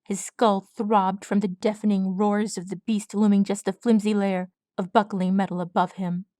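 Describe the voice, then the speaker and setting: A woman reads a story aloud in an audiobook style, with dramatic, vivid narration. Her voice sits at an ordinary middle pitch. The sound is dry and close, with no room echo. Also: little pitch movement, moderate pace, dark tone. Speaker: audiobook reader. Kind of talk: audiobook reading of fan fiction.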